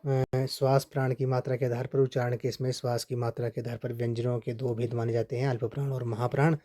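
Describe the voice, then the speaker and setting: A man teaching a Hindi grammar lesson for exam preparation, steady and repetitive, often checking in with "ठीक है". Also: mid-range voice, fairly quick. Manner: steady, repeats points with frequent "ठीक है" checks.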